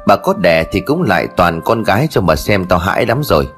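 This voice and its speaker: A man's voice: low voice, big pitch swings, fairly quick, soft background music. A man voicing a bad-tempered, half-deaf middle-aged village chief who curses and scolds in a storybook tale. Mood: irritable. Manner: gruff, scolding, cursing.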